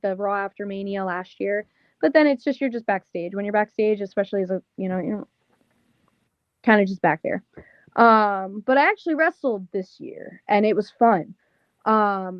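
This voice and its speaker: This young woman, a Las Vegas pro wrestler with a heavy Long Island accent, keeps the interview loose and slangy, dropping "like" and "um" constantly. Her voice is mid-range, captured with no echo and the highs cut off.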